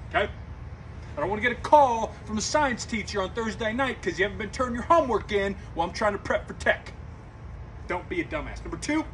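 Man acting a high-pitched, commanding football coach's pep speech. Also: a bit bright, distant mic, slight background noise. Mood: worked up. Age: middle-aged. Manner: commanding pep-speech delivery, emphatic, clipped check-ins. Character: stern, blunt male high school football coach lecturing his team. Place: outdoors in a grassy backyard. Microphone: camera a few metres away.

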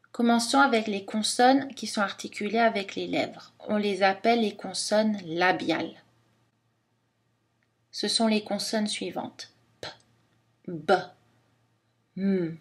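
A woman's voice: medium pitch, breathy edge. A woman narrating a phonetics lesson, explaining each consonant and carefully demonstrating the sounds. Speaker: phonetics teacher.

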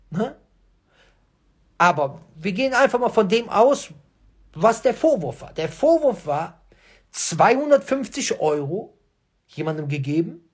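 A man's voice: sits high, slightly rough. A man hosting his own channel, addressing viewers in an emphatic monologue, repeating key phrases and firing off rhetorical questions. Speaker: host.

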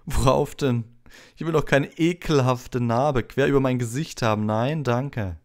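A man's voice: medium pitch, unhurried, voice pushed up, natural voice. A man doing a sneering schoolboy bully. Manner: mocking, loud and cutting. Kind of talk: audiobook reading.

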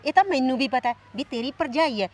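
With no echo on the recording, a woman speaks briskly in a high-pitched, animated voice for a village drama. Her character, a scheming middle-aged aunt, is loud, nagging and coaxing as she stirs things up.

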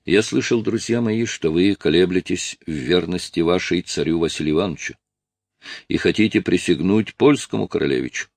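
A man's voice: sits low, brisk, gravelly, no echo. A man voicing a resolute Russian musketeer commander who speaks firmly. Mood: measured.

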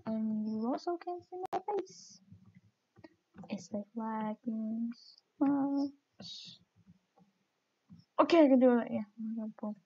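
A woman's voice: a little high, slow, long pauses, darkish tone, muffled recording. A woman streaming her gameplay, chatting casually and mocking herself with giggles as she plays.

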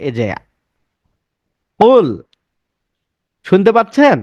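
A man teaching an online class on Arabic pronunciation. He explains slowly, repeats words and keeps checking that his students follow. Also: high voice, animated, dry recording, dull audio.

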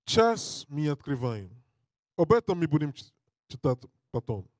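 A man preaching and reading scripture in non-native Russian with a foreign accent, halting and repeating his phrases. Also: fairly high pitch, big pitch swings, no echo, clean studio sound. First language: not a native Russian speaker. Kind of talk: Bible teaching with scripture reading. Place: indoor studio with draped backdrop. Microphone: handheld mic held close.

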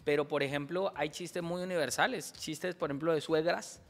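A man with a Colombian accent, a comedian hosting a casual chat and telling jokes with animated acted-out voices. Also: a little high, normal speed, creaky, in a large hall. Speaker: comedian and show host.

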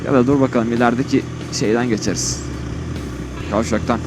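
This motovlogger speaks in a medium-pitched voice with fairly even intonation, a little fast. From inside his helmet, he rides on an open road and rambles casually, thinking aloud vlog-style. The background is noisy, with music and road vehicle sounds.

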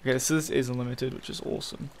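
A man's voice: medium pitch, fairly even intonation, racing, slight background noise. A young man giving casual, frustrated commentary while playing a game, swearing often and talking to his viewers. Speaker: gaming channel host.

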